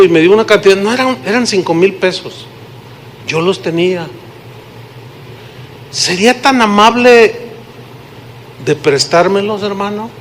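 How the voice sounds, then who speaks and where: A middle-aged Mexican pastor preaches in a high-pitched voice. He tells a personal story and acts out each quoted line, moving between loud and hushed delivery. A faint hum sits behind him. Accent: Mexican Spanish. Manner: storytelling, acting out quoted dialogue with shifting pitch and volume. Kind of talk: sermon.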